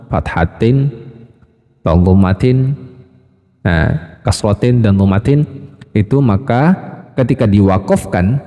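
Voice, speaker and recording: A man teaching Quran recitation rules, patiently explaining step by step and slowly drilling each sound, addressing listeners as friends. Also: on the low side, warm tone, big-room sound. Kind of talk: tajwid lesson with spoken demonstrations.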